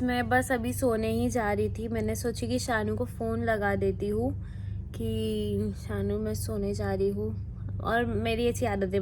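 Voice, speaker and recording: A woman's voice: mid-range voice, noisy background. A young woman on flight crew, chatting casually to her phone camera in a hotel room, mixing English words into her Hindi. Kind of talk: casual vlog chat to camera.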